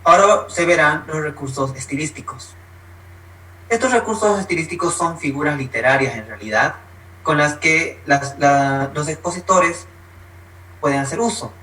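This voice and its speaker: Guy teaching a workshop, bright voice, bit high, sounds kinda far from the mic. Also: a little slow. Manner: instructive, uses spoken examples, varies pitch for emphasis. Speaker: workshop presenter. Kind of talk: recorded online workshop lesson.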